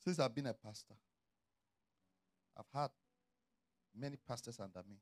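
A middle-aged man preaching a sermon as a pastor, swinging from quiet, low asides to loud shouted calls. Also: normal speed.

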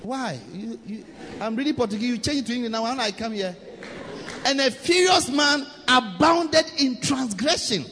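A man preaching a sermon, pausing for his interpreter, emphatic and swinging from shouts to low asides. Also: animated. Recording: reverberant church hall, faint noise.

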